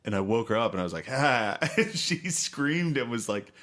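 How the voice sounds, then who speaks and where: A man's voice: medium pitch, big pitch swings, fairly quick, a bit bright. A man co-hosting a podcast, telling stories in casual comedic chat and laughing through them. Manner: laughs through his own stories, often giggling. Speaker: podcast co-host.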